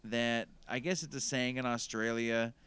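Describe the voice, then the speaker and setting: A man co-hosting a loose podcast chat. His voice is smooth and resonant, and he rambles from joke to joke, laughing often. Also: mid-range voice, steady tone, normal speed, a bit bright. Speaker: podcast co-host. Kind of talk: casual chat.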